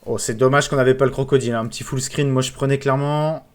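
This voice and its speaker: A man streaming casino games, commentating live, excitable, pleading with the game and calling out sums. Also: medium pitch, fast.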